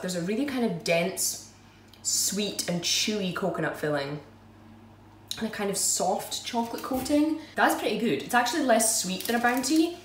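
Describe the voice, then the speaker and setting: Giggly and self-deprecating, a woman with a fairly low, fairly bright voice reviews snacks casually as she unboxes and tastes them for her food vlog. Her audio has a roomy echo and faint noise, picked up by a mic some distance away.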